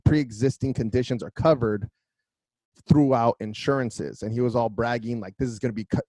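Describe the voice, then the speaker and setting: A man's voice: mid-range voice, moderate pace, no echo, rough recording. A man co-hosting a comedy podcast, telling a long profane story and acting out the people in it. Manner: profane, animated, acts out quoted voices. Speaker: podcast co-host.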